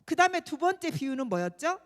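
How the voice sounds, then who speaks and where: A woman leads a children's worship service, retelling a Bible story in an animated way and pausing to quiz the children. Her voice is high and swings widely in pitch. It echoes with a long reverb in the church hall. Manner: animated, expressive, asks children questions.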